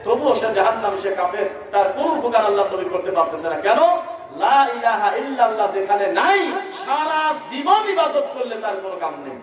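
A man with a Bangladeshi Bengali accent preaching to a crowd, asking them to answer back and chanting verses in a slow melodic recitation. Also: high-pitched, lively intonation. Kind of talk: sermon at a religious gathering. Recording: very echoey hall, speaker far from mic.

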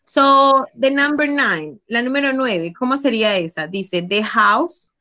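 A woman's voice: a little high, animated, slow pace, sharp tone. A woman teaching an online class. She explains each step patiently and keeps prompting her students to answer. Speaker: English teacher.

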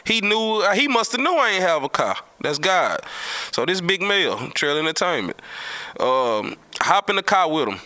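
Pushed, bright, and very animated, this man's high-pitched voice moves at a moderate pace. He's a Southern US host spinning music-business stories in a casual, repetitive, slangy and profane way. The setting is a small indoor studio at a table, with a close studio mic on a boom arm.

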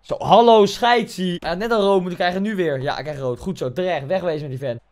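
A hoarse young man commenting on his own football video game, shouting and cheering at goals. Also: high voice, fast talker. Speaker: gaming video host. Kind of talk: excited gameplay commentary.

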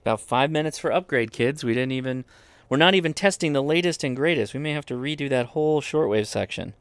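The host of a radio gear review channel, a man with a medium-pitched voice, does a casual hands-on product review at a desk indoors. He talks fast and thinks aloud informally, with a clean tone and no room sound.

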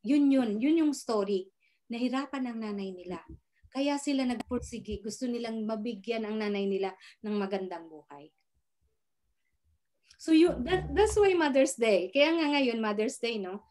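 Woman, emphatic, searches for words, higher pitch. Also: animated, normal speed, a little mellow. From Philippines. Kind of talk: casual chat.

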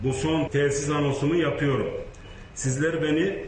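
A man in his fifties, a police radio operator, making a formal farewell announcement over a police radio in a measured, ceremonious way. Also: fairly high pitch, fairly even intonation. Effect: heard over a police radio. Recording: echoey radio transmission with faint noise and clicks.

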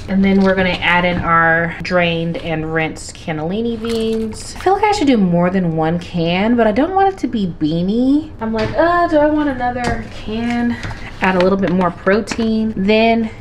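A woman's voice: mid-range voice, expressive, a little slow, reverberant, slight background noise. A woman talking casually to viewers in a cooking vlog, chatty and friendly, calling them y'all. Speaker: lifestyle vlogger. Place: home kitchen.

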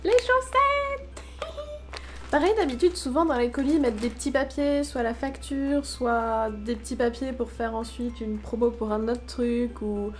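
A woman's voice: on the high side, steady tone, normal speed, few pauses, darkish tone, a little hiss or hum. A woman chatting frankly through a casual unboxing review of cheap clothes. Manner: chatty, frank, mocking asides.

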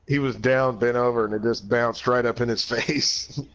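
A man's voice: medium pitch, fairly even intonation, moderate pace, fairly bright tone, dull audio. A young man chatting while gaming with friends, laid-back, laughing often and swearing casually. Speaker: gamer playing with friends.

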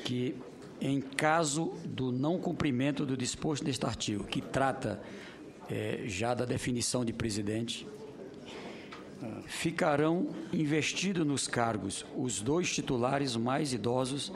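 A middle-aged Brazilian man, a senator giving a semi-formal committee speech, halting and circling back to rephrase. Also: medium pitch, a crowd in the background. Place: large Senate committee room, indoors. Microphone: desk gooseneck microphone.

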